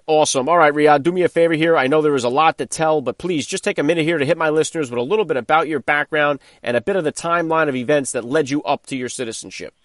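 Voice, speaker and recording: Male podcast host, 30s, upbeat and direct, fairly high voice. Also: fast talker, few pauses, a bit bright, no room sound, studio quality. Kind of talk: casual interview.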